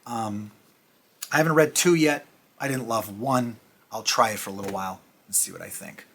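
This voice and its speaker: A man's voice: on the low side, moderate pace, a bit bright, slight background noise. A middle-aged man hosting a casual comic review vlog, chatty and rambling with self-deprecating asides. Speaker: comic review channel host.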